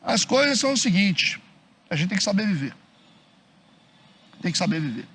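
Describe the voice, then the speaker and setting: A man's voice: high-pitched, sing-song, moderate pace, a bit bright, husky. A middle-aged man with a Brazilian Portuguese accent, preaching a conversational sermon as pastor, often asking the congregation for agreement and mimicking quoted people. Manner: acts out quoted churchgoers in mocking voices; frequent tag questions to the congregation. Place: church hall.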